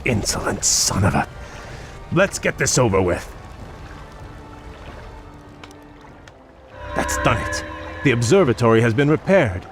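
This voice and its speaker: A man's voice: mid-range voice, sing-song, moderate pace, music in the background. A man playing a proud, dutiful yet resentful elven warrior prince in a video game, with a noble, formal, restrained manner. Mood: frustrated. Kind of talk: video game cutscene acting.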